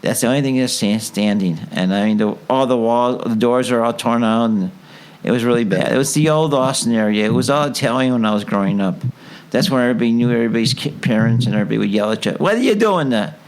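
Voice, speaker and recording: A man hosting a relaxed talk show, with a voice of middling pitch. He rambles and jokes, trailing off mid-sentence and starting over. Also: fast, clear, resonant tone. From Chicago. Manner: rambling, jokey, trails off and restarts. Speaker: show host. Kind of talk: casual chat.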